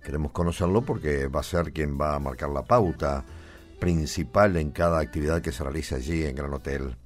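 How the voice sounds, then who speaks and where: A man's voice: extremely low pitch, a little fast, faint music behind. A man hosting a radio interview, chatty and playful in his questions. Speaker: radio host.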